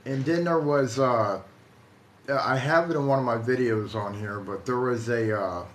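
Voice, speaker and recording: A man in his forties from Ohio, with an American accent and a medium-pitched voice, hosts a paranormal storytelling live stream. He casually tells viewers personal stories in a halting, conversational way, repeating himself. The recording has a roomy echo and light background noise.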